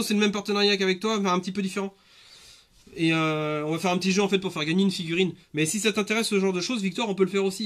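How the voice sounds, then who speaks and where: Male streamer, 30s, high-pitched, loose rambling live chat with lots of fillers. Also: fairly bright tone. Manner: chatty, rambling with many fillers and restarts.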